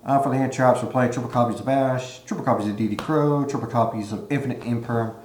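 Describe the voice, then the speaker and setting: A man giving a casual card game deck walkthrough with relaxed, explanatory talk, recorded in low-quality audio without his usual mic. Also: fast talker, a little hiss or hum. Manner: relaxed, explanatory, frequent "uh" fillers. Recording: echoey room on a makeshift mic.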